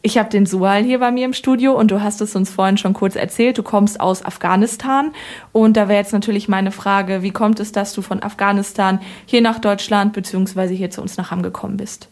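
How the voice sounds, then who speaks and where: A woman hosting a local radio interview, speaking in a friendly, clear way. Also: medium pitch, steady tone, brisk, darkish tone. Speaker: radio host.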